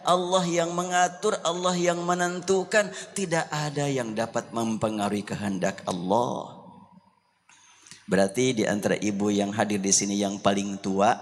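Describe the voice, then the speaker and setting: A male preacher giving a sermon in a large mosque hall, telling stories and asking rhetorical questions. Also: lowish voice. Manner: lively storytelling with rhetorical questions. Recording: long hall reverb, faint hiss.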